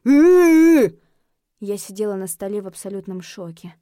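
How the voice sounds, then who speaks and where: A woman reading a first-person novel aloud as an audiobook narrator, expressive, falling soft and quiet at tense moments. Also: medium pitch, fairly quick, no echo, studio quality.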